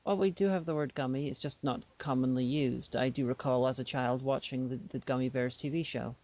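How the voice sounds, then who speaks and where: This woman co-hosting a podcast has a very deep, slightly mellow voice and speaks briskly with fairly even intonation. She rambles playfully through casual conversation, often restarting sentences, and her remote call mic gives the audio a dull, lo-fi sound.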